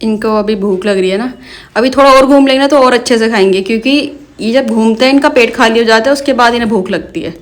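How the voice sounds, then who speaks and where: A woman's voice: on the high side, quick pace. A woman filming a home vlog on her phone, talking to her parrots in a sing-song voice that turns from scolding to cooing. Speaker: pet vlogger. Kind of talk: casual vlog narration. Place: indoors at home. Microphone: phone held in hand.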